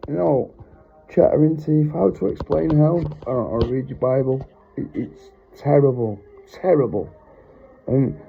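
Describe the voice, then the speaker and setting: Into his phone, a middle-aged religious vlogger delivers an earnest, heartfelt preaching monologue that rambles and keeps pausing for apologies. His medium-pitched voice is slightly rough with vocal fry, and the sound is tinny like a phone line.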